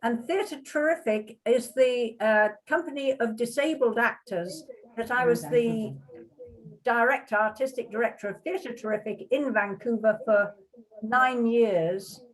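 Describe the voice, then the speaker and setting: A woman's voice: on the high side, poor audio. A woman on a video call, a former artistic director, describes an item enthusiastically with laughing asides. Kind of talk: casual show-and-tell.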